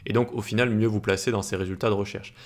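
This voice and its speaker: Guy doing a coding screencast, lowish voice, lots of uh and restarts. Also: steady tone, quick pace. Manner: informal, many fillers and restarts. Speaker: web development teacher.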